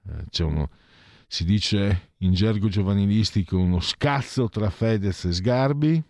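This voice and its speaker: A man's voice: lowish voice, unhurried, creaky, a little mellow, no room sound. A man hosting a radio talk show, giving opinionated commentary in a hesitant, conversational way full of fillers.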